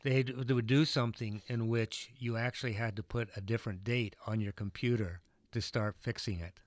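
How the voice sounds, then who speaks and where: A man who teaches computer classes chats casually on a radio show, stumbling and restarting as he talks. His mid-range voice has fairly even intonation with no echo, and he reads contact details slowly.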